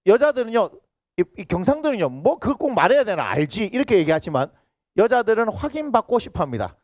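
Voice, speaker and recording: A man's voice: sits high, sing-song, quick pace, dry recording, muffled recording. A man from Busan with a Gyeongsang accent, preaching a sermon as a pastor and teasing and bantering with his congregation. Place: church sanctuary. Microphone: handheld microphone.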